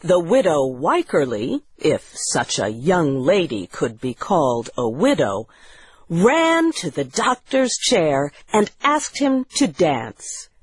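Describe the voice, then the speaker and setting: A woman narrating a story in a slow, deliberate reading voice with clear phrasing. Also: deep voice, very animated, no echo.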